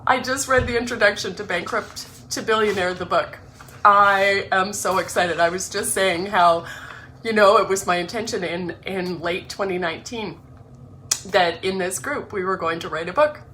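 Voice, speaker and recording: A woman's voice: medium pitch, normal speed, sharp tone, a little hiss or hum. A woman hosting an online livestream, reading her own book aloud and then chatting, effusive and emotional. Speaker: host of an online group livestream. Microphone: webcam or phone livestream.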